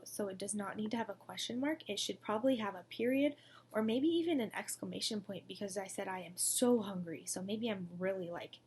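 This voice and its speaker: A woman's voice: medium pitch, slight background noise. A young woman teaching a recorded lesson to second graders, in an upbeat, coaxing manner. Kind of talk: recorded distance-learning lesson.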